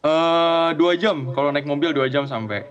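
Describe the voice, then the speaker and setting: A man's voice: on the high side, normal speed, a bit bright, lo-fi sound. A young man from Central Java talking as a guest on a remote call, friendly and a little hesitant, with many fillers. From Central Java, Indonesia. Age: young adult. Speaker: guest, student abroad. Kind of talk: casual chat over a video call.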